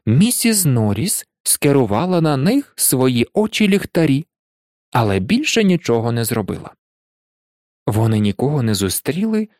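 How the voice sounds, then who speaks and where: An animated audiobook narrator tells a fantasy story with a lively, swinging pitch. The voice sits in a middle register. The recording is close and dry, with no room sound. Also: no echo. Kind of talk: scripted narration.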